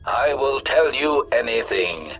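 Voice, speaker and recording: Sardonic robotic assassin droid. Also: male voice, mid-range voice, expressive, slow pace, lo-fi sound. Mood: mocking. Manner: clipped, announces each remark with a label. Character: cold, sardonic male assassin combat droid. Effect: metallic robotic voice filter. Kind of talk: video game character dialogue. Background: loud game music.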